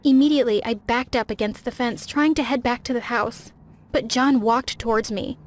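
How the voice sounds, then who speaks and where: A woman's voice: fairly high pitch, moderate pace. Young woman narrating a dramatic story. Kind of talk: scripted first-person narration.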